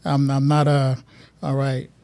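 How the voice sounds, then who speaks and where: A man from Guyana, a guest artist telling stories in a relaxed interview chat, often restarting his sentences. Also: medium pitch, unhurried, gravelly, smooth. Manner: reflective, storytelling, many restarts.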